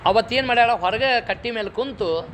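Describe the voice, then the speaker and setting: A middle-aged man speaks with a North Karnataka Kannada accent and a noticeably high pitch. He delivers a moral lecture in a lively, folksy way, firing off rhetorical questions and telling stories from home. A faint hiss of noise sits under his voice. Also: a little fast. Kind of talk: public moral lecture with storytelling.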